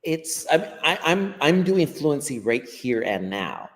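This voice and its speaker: Speaking slowly but very animatedly, this man has a slightly high, somewhat bright voice and a Western American accent. As a guest teacher on a video call, he explains his ideas without a script, thoughtfully repeating words as he collects his thoughts, in a recording with long hall-like reverb.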